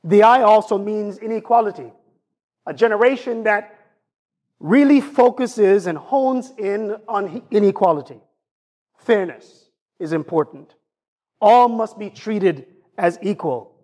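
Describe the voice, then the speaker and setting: A man's voice: sits high, unhurried, darkish tone. A man with a Jamaican accent preaching a sermon to his congregation, asking them rhetorical questions as a pastor.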